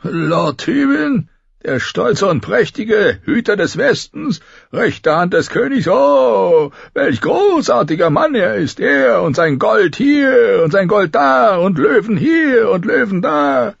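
A cackling, shrill ancient lord. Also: male voice, very animated, takes it slowly, gravelly, breathy edge, dry recording, lo-fi sound, exaggerated voice. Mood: mocking. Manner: sneering, taunting, boastful. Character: scheming ancient male lord, spiteful and mocking. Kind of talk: audiobook character voice.

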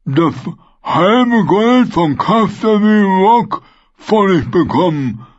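A man voicing a greedy, cruel mercenary captain who slobbers and lisps through drawn-out words in an audiobook. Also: high-pitched, lively intonation, muffled recording, voice pushed up. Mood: mocking. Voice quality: lisping, drawn-out slobbering speech. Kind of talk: audiobook character voice.

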